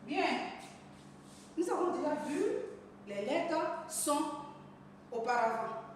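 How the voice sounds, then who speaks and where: Slow, high-voiced woman teacher in echoey room. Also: animated, far from the mic, a little hiss or hum. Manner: slow, careful enunciation of sounds, addresses children. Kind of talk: early reading lesson for children. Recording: echoey room heard from afar.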